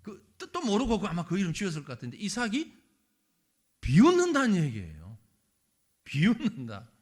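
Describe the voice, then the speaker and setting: High-voiced, animated Korean preacher man. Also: normal speed, slightly rough. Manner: animated preaching, acts out dialogue between God and Abraham. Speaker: pastor. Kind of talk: sermon. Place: church sanctuary.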